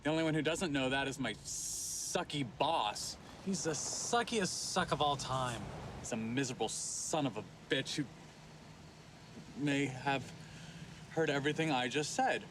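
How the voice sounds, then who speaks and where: A man's voice: mid-range voice, measured pace, noisy background, natural voice. A man playing a fretful sarcastic guy. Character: anxious uptight man worried about his job. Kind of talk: sitcom acting.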